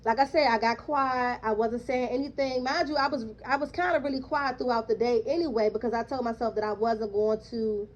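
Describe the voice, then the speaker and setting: A woman's voice: on the high side, steady tone, brisk, hardly any pauses, lo-fi sound, slight background noise. A woman candidly recounting her first day at work, blunt, cursing freely and checking in with "okay?". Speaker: vlogger. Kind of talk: casual storytelling monologue.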